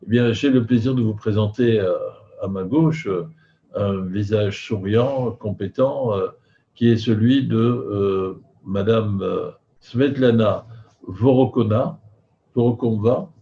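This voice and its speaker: An older man hosts a live film festival video conference, courteous but very hesitant, halting often with long filler pauses. Loose dentures slightly slur his speech, and his fairly low voice carries vocal fry. The call audio is dull with faint noise.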